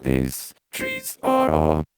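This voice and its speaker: A man's voice: huge pitch swings, extremely slow, background noise. A man demonstrating a vocal effect, speaking test phrases through a robotic lo-fi speech-synth filter. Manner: repeats test phrases, pitch jumps wildly.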